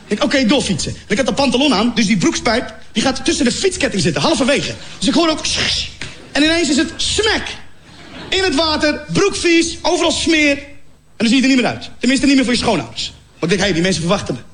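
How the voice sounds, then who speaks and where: A man's voice: very high voice, sing-song, fairly quick, a bit bright, a little hiss or hum. A man from Morocco telling a stand-up comedy story, acting out scenes with sound effects and mock voices.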